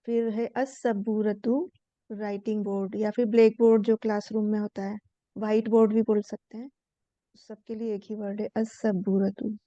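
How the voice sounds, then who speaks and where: A woman's voice: medium pitch, flat delivery, normal speed, warm tone, dry recording. A woman teaches Arabic grammar, explaining patiently and asking herself questions before answering them. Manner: patient, asks and answers her own questions, many fillers. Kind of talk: explaining a lesson, reading English lines slowly. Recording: dull, lo-fi voice recording.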